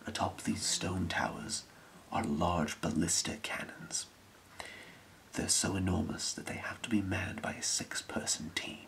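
Man whispering as a low, gravelly thieves' guild boss. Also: fairly bright tone, heavily acted, rough recording. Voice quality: breathy whisper with gravelly creak. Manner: measured, deliberate, secretive. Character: scheming male thieves' guild boss briefing a recruit. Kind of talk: whispered role-play.

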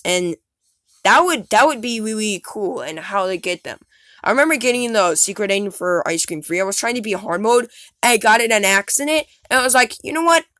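A woman hosting a gaming channel, talking casually through her theories in a rambling, excitable way, full of "like" and "um", recorded on a phone screen recorder. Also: on the high side, dry recording, studio quality. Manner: rambling, filler-heavy, excitable, trails off. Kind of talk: casual theory talk over gameplay.

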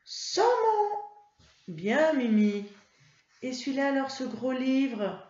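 Slow, patient woman teaching reading. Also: sits high, a little mellow. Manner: patient, encouraging, spells out letters slowly. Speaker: first-grade teacher. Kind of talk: reading lesson for young pupils. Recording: roomy, slightly dull home recording.

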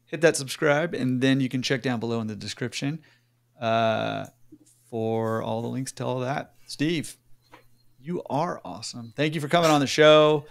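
A man's voice: mid-range voice, normal speed, creaky. A man hosting a podcast, upbeat and encouraging, talking casually with many fillers. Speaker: podcast host.

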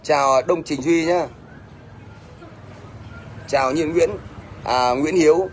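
A middle-aged man with a Northern Vietnamese accent speaks slowly in a fairly high-pitched voice, ranting at a commenter on a livestream. Blunt and scolding, he keeps asking "thấy chưa?", with faint background noise in the recording.

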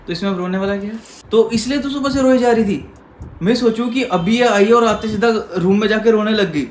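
A young man hosting a casual vlog, chatting and teasing, talking straight to his viewers. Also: high voice. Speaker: vlogger.

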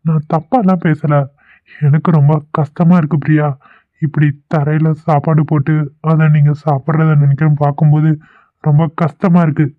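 A performer voicing a gentle, concerned husband in a cartoon. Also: mid-range voice, level tone, moderate pace, narrow, tinny audio, natural voice. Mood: worried. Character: caring worried husband. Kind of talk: Tamil cartoon voice acting.

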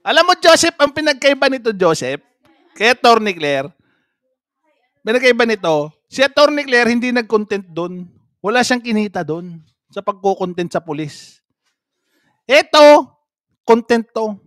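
Guy reacting to clips, high pitched, mocking, keeps calling someone out, dry mic. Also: sing-song, moderate pace, fairly bright tone, no room sound. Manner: mocking, repeatedly calls out a name, laughs often. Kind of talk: casual reaction commentary.

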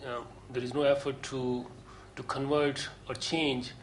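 A man giving a lecture to a seminar group, earnest and deliberate, pausing often with hesitations. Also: mid-range voice, level tone, a little hiss or hum, poor audio. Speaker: course lecturer.

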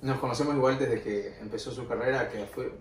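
A man's voice: medium pitch, steady tone, brisk. A young man, a musician guest in a casual interview, explaining things patiently with examples. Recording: roomy, distant mic with faint noise.

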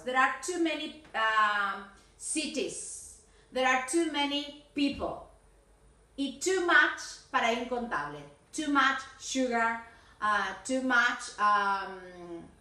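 A woman's voice: a little high, bright, forceful tone, roomy sound, far from the mic. A woman English teacher with an Argentine Spanish accent, giving feedback on students' videos, mixing Spanish and English and correcting pronunciation and grammar.

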